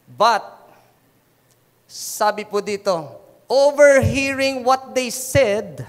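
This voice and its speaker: Filipino man, pastor, high voice, animated sermon, long church reverb. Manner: switches between preaching and quoting scripture; animated, dramatizes the crowd.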